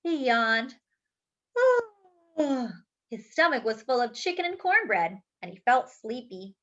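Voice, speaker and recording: Reading to children from a picture book, this woman acts out the characters' lines with animation and adds chatty side comments. Her voice is a little high and her pace slow, on a dull lo-fi recording with slight background noise.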